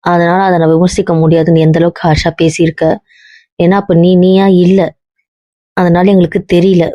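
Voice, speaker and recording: A woman's voice: on the low side, flat delivery, normal speed, warm tone, no room sound, natural voice. A young woman acting as a blunt married woman who lectures and comforts her heartbroken cousin, always asking if he understands. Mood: firm consoling. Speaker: actor in a web drama. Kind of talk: web series drama acting. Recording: dull, muffled dry audio.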